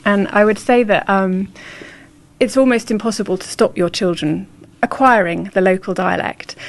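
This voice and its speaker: A woman explaining as an academic expert in an interview, emphatic and plain-spoken. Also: medium pitch.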